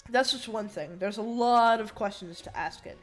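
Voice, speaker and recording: A woman's voice: mid-range voice, moderate pace, soft background music. Young-sounding woman with braces, slightly slurred S's. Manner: informal, rambling, thinking aloud. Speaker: hobbyist programmer demonstrating a project. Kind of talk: casual unscripted tech demo narration.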